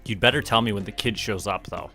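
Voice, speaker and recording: With a lower-leaning voice that sounds pushed and bright, a fast-talking Canadian chats casually to himself and his viewers while streaming a game. Soft music plays in the background.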